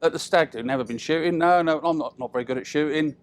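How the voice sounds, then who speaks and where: High-voiced British man giving a teasing wedding speech. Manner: chatty, teasing, with deliberate pauses and tag questions. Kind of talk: informal humorous wedding speech.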